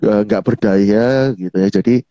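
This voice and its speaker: Low-voiced chatty coach. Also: male voice, measured pace, warm tone, dry recording. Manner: chatty, fills with "gitu ya", quotes others in a raised voice. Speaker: NLP coach, guest speaker. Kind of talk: casual explanatory talk. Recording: dull dry lo-fi online audio.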